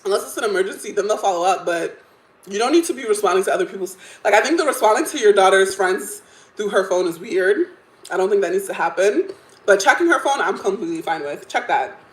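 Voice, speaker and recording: A woman's voice: mid-range voice, expressive, quick pace, reverberant, rough recording. A woman in her thirties hosting a livestream, chatting casually and giving strong opinions with frequent laughs. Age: 30s. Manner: chatty, opinionated, laughs often, many "like" fillers. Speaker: livestream host. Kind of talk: casual chat reacting to stories and chat comments.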